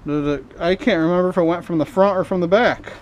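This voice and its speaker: A man with a high voice talks at a quick pace while casually narrating a hands-on repair at his workbench. He hosts hobby repair and scrapping videos and rambles in folksy, informal speech, muttering asides to himself.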